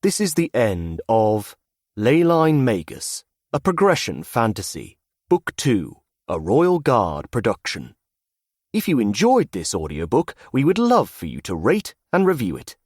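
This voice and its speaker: A man narrating a fantasy audiobook in first person with a measured delivery. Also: mid-range voice, wildly swooping pitch, a little mellow, dry recording, studio quality.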